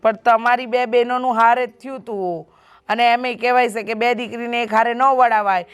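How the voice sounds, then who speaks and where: A woman's voice: on the high side, fairly even intonation, normal speed, clean tone, lightly acted. A woman playing a stern mother. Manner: stern, lecturing. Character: worried mother lecturing her daughter. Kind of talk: family drama acting.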